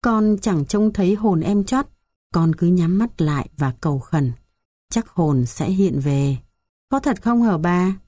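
A woman voicing a kindly old grandmother who comforts a grieving child, speaking softly and soothingly. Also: lowish voice, expressive, unhurried, dry recording, clean studio sound. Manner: soft, soothing.

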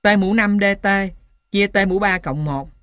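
A woman reading scripted material as dictation, piece by piece, in a measured, matter-of-fact way, like an instructor. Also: medium pitch, fairly bright tone, no echo, studio quality. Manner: dictating symbols and punctuation one piece at a time. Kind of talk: scripted dictation of maths formulas.

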